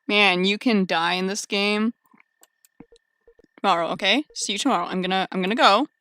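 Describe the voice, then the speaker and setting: A young woman streamer reading a game aloud with excitable commentary and loud outbursts. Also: mid-range voice, normal speed, smooth, dry recording.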